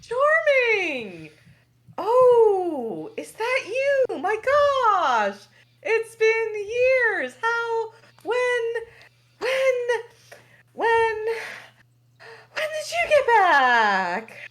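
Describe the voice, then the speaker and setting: A woman's voice: very high-pitched, huge pitch swings, drawn-out words, a bit bright, exaggerated voice. A woman reading the part of a flustered, evasive old king at a live table read, stammering and sighing. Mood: falsely delighted. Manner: fretful, stammering, dramatic sighs. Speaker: reader.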